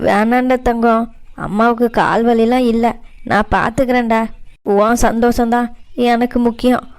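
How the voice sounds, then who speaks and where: Woman doing tired worn out mum, kinda flat even voice, cartoon. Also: on the high side, moderate pace, smooth, lightly acted. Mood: weary. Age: middle-aged. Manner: tired, resigned, tender. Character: weary hardworking mother, a housemaid. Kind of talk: cartoon voice acting.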